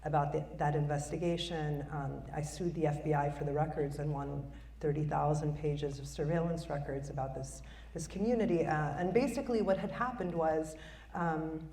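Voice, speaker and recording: This woman's voice is low and gravelly yet mellow, holding a steady tone at a moderate pace. She's a Chicago-based filmmaker and former public radio journalist taking part in a panel discussion in a conference hall. Recorded from a distance in the roomy space, there's faint noise.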